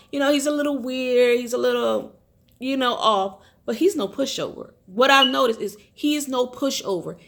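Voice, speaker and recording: A woman's voice: a little high, fairly bright tone. A woman giving casual commentary as a reality TV reviewer, blunt, opinionated and profane.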